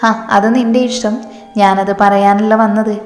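A softly persuasive young schemer, as a woman storyteller puts her on, her lines level and unhurried. The voice rings in an echoey room with gentle music underneath. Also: mid-range voice, little pitch movement, lightly acted. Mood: coaxing.

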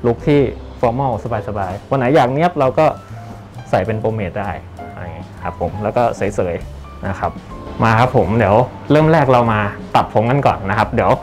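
Working indoors at a barbershop, a young man who is a senior barber walks through a cut and styling routine in a lowish, expressive voice at normal speed. He's polite and explanatory, frequently closing phrases courteously during this hands-on demonstration. Faint music plays behind him.

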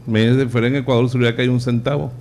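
A man preaches in a chapel, mixing the Gospel with jokes. His voice sits at a middle pitch, and he changes voices to play the people in his stories. A faint background hiss runs under the live broadcast. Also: level tone, very fast, darkish tone. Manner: acts out joke characters with voice changes. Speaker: priest. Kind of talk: sermon with jokes. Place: church or chapel hall, live audience.

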